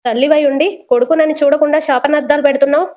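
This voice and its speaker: A woman's voice: sits high, steady tone, quick pace, a little mellow, voice pushed up, lightly acted. A woman voicing a defiant young man who argues back at his mother, in a retold TV serial. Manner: defiant, protesting.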